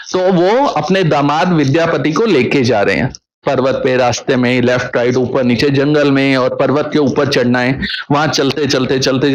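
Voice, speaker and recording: Male katha narrator, conversational, slightly higher-pitched, keeps checking in with listeners. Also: rough recording. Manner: chatty, checks in with listeners often. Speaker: katha storyteller. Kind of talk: devotional storytelling discourse.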